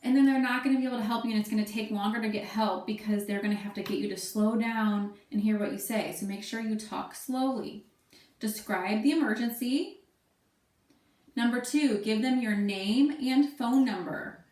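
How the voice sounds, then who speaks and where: Here the same kind of home lesson continues: a thirtysomething woman teacher talks casually and thinks out loud, full of fillers. Her voice runs somewhat high with a darkish tone at a normal pace, heard distantly in a room with echo.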